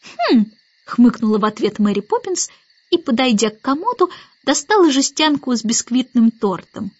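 Woman narrating a storybook, a bit high. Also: big pitch swings, moderate pace, no room sound, highs cut off. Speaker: audiobook narrator. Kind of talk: scripted narration.

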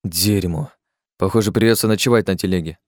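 A man's voice: low voice, a little fast, dry recording, lightly acted. Man voicing a blunt adventurer leading his band, firm, terse, dry close voice. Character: steady male adventurer, group leader.

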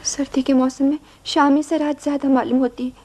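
A woman's voice: high-pitched, little pitch movement, brisk, darkish tone. A woman playing a timid, easily frightened young wife in a radio drama. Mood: nervous. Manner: timid, nervous. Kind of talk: vintage radio drama acting.

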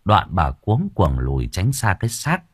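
A man narrating a story in a lively, expressive reading. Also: deep voice, moderate pace, slightly rough, dry recording, studio quality. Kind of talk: audiobook narration.

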